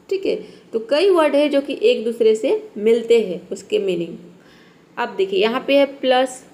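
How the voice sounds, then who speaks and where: Lady teacher explaining spelling rules, slightly high voice, patient, keeps saying theek hai. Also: darkish tone. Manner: patient, repeats "ठीक है" and "देखिए" often. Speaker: English teacher. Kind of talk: classroom spelling lesson.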